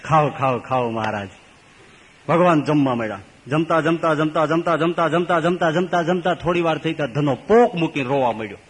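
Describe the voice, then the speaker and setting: Animated Gujarati man telling a sermon story. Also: a little fast, hardly any pauses, husky, long reverb tail, rough recording. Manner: animated, acts out characters' voices with big pitch jumps. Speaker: swami giving a scripture discourse.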